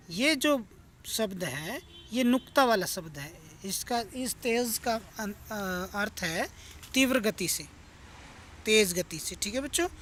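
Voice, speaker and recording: A man's voice: high voice, sharp tone, a little hiss or hum. A male teacher explaining a textbook lesson to children, patient and repetitive, often addressing the class directly. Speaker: school teacher.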